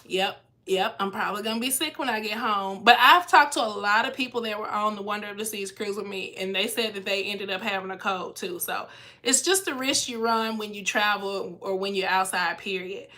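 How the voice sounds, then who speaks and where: Woman, young adult, nasal from a cold, casual live-stream chat, bright tone. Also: mid-range voice, a little fast. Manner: chatty, reads out viewer comments. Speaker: travel agent and cruise vlogger.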